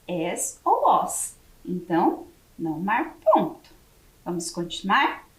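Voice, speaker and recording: A Brazilian woman teacher with a Brazilian Portuguese accent, leading a word game for young children on a TV lesson and slowly spelling each word letter by letter. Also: on the high side, reverberant, far from the mic. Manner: slow, spelling words letter by letter. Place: classroom studio for educational TV.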